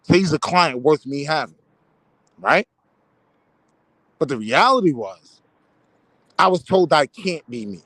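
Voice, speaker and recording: A man's voice: a little high, sing-song, a little slow, pauses often, fairly bright tone, dry recording, low-quality recording. An American man in a casual debate, explaining his points emphatically and with slang. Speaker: panel discussion participant.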